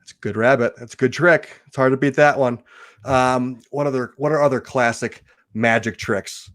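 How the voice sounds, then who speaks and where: A young man with a mid-pitched voice chats on a casual podcast, rambling through his ideas and laughing often. He talks in an animated, loose way among friends. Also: moderate pace. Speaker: podcast co-host. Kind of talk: casual comedic podcast chat.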